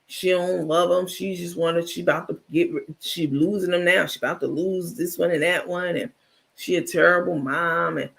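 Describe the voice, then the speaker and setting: A man hosting a live stream, casually gossiping and reacting to his viewers' chat in an animated, blunt, talkative way. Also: sits high, moderate pace, creaky. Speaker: livestream host.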